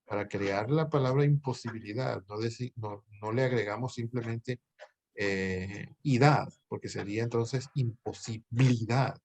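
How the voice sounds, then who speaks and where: Man teaching grammar with thoughtful pauses. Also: mid-range voice, darkish tone. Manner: patient, thinks aloud with pauses and self-corrections. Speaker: university language professor. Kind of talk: explanatory lecture to students.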